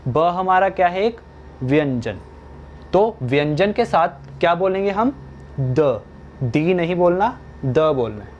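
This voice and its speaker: Slow-talking man teaching a grammar lesson. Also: sits high, big pitch swings, muffled recording, a little hiss or hum. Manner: asks questions and answers them himself. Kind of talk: slow classroom-style lesson.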